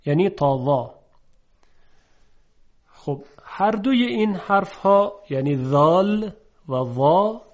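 Male teacher with a slightly high voice, quick explanations, slow repeated recitations, lo-fi sound. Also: a little mellow. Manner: slow, drawn-out recitation of example words; fast explanatory talk between examples. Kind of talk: pronunciation lesson. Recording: dull lo-fi recording.

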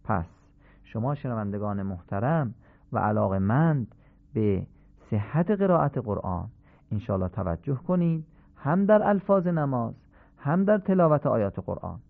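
A middle-aged man teaching correct Quran recitation on a radio lesson, explaining calmly and reciting phrases slowly to demonstrate. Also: medium pitch, vocal fry. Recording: tinny phone-like old radio recording.

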